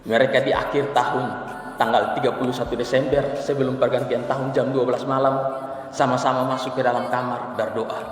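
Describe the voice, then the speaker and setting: A man's voice: medium pitch, little pitch movement, fairly quick, soft background music. A young man preaching a sermon at a church service, telling stories earnestly and stressing scripture as his voice rises. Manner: earnest storytelling, rising emphasis on scripture. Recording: echoey church hall, distant mic.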